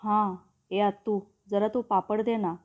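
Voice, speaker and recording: A bubbly, cheeky young woman who gets excited easily, read by a woman storyteller. The sound is thin, as if over a phone. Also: medium pitch, measured pace, highs cut off, natural voice. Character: bubbly playful young woman, wedding planner.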